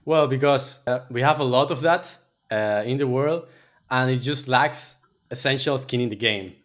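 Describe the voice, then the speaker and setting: Guy, guest on a podcast, keeps restarting his words, mid pitch. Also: moderate pace, a bit bright. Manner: hesitant, many fillers and repeated words. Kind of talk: casual interview chat.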